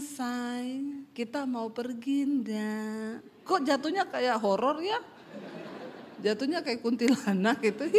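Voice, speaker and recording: A woman pastor with a Sulawesi accent preaching a sermon, animated and humorous, with a lively rising intonation. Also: high-pitched. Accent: Sulawesi Indonesian. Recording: long hall reverb.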